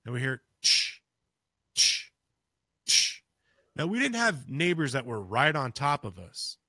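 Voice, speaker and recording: A mid-range, sing-song voice belongs to a podcast co-host who tells a personal story at an unhurried pace on a dry recording. His telling is casual and rambling, packed with restarts, fillers and "you know," and it grows louder and more urgent as the story builds.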